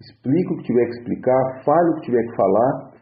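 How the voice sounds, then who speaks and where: A man's voice: medium pitch, expressive, fast talker. A Brazilian man giving an earnest religious testimony, repeating his exhortations over and over. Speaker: church member giving testimony. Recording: tinny phone-like audio in an echoey room.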